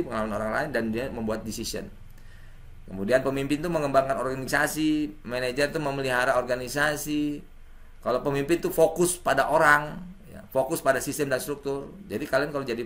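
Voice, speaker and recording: A middle-aged man gives a lively classroom lecture, talking straight to his students. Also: mid-range voice. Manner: lively, addresses students directly, acts out examples.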